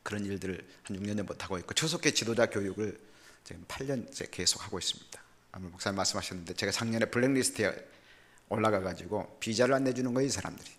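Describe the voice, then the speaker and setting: Older male missionary preacher; bright, forceful voice, jokey storytelling sermon with big dynamic swings. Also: lowish voice, fast. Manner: animated and humorous, voice swinging from loud to quiet. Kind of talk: sermon with personal stories.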